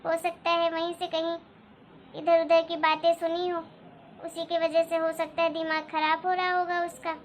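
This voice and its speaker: A woman's voice: extremely high pitch, completely flat delivery, moderate pace, a little hiss or hum. A woman voicing a sensible elder daughter-in-law who reassures and soothes in a cartoon story. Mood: reassuring. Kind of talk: Hindi cartoon story dialogue.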